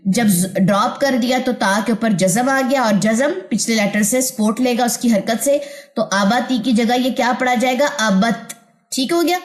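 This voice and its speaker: A woman teaching an online tajweed lesson, patiently drilling sounds and checking understanding. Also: mid-range voice.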